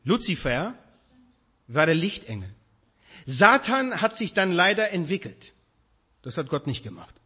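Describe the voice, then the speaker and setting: A man preaching a sermon with a bright, slightly husky voice. His pitch swoops widely as he stresses each point. He addresses his listeners directly and emphatically. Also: very animated, measured pace, pauses often.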